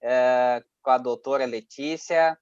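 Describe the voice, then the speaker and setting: A man's voice: mid-range voice, slow pace, darkish tone, smooth, no room sound. Man, meeting host, jovial, video call, dry dull audio. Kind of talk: hosting an online meeting.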